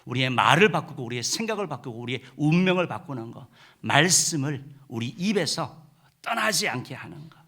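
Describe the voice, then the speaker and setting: Middle-aged male pastor, bright ringing tone, emphatic sermon delivery with frequent "uh" pauses. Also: medium pitch, big pitch swings. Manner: emphatic preaching with many filler "uh"s. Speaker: senior pastor.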